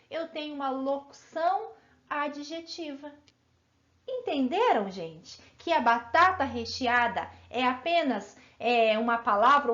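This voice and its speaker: High-voiced woman teaching grammar, encouraging. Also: fairly bright tone, lo-fi sound. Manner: encouraging, asks pupils frequent check-in questions; stretches out example words slowly. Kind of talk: grammar lesson for children.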